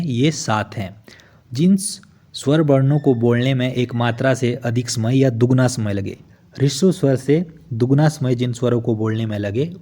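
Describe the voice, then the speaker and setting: A man's voice: medium pitch, mellow. A man teaching an online exam-prep lesson, explaining step by step and repeating each definition after asking and answering his own questions. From Himachal Pradesh, India.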